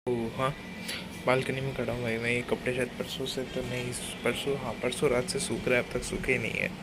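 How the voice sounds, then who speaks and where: A man's voice: medium pitch, flat delivery, fast. A man vlogging casually on his phone from an apartment balcony, rambling and correcting himself as he chats to viewers. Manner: rambling, self-correcting, chatty asides to viewers. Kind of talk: casual solo vlog chat. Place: apartment balcony in rainy weather. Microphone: phone camera. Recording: loud background noise.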